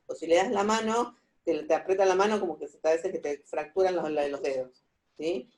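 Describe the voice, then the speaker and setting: A woman with an Argentine Spanish accent giving a forensic psychology lecture over a video call, talking haltingly with many fillers and asking her listeners "¿sí?" again and again. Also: fairly low pitch, darkish tone.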